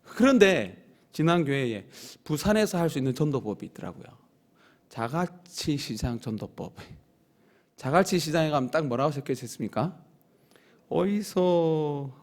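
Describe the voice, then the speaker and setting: A man preaching at a midweek prayer service in a church, swinging between loud emphatic peaks and soft low asides, and leading the congregation in call-outs. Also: big pitch swings, a little fast. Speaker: pastor. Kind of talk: sermon. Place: church sanctuary.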